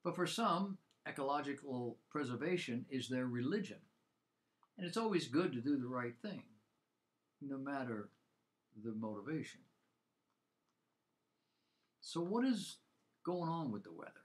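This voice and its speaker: A man's voice: mid-range voice, big pitch swings, measured pace, long pauses. Man presenting scripted Bible commentary. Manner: rhetorical questions, emphatic delivery.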